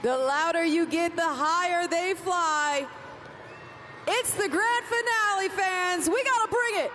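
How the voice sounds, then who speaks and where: An arena event announcer giving a loud rally speech to hype up the crowd, exhorting with shouts and drawn-out words. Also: very high voice. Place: large indoor arena. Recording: noisy live arena PA sound.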